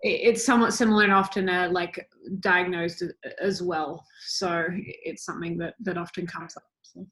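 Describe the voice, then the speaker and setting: A woman's voice: lowish voice, steady tone, moderate pace, hardly any pauses, a bit bright. A woman, a course participant, speaking hesitantly with many fillers in a casual discussion.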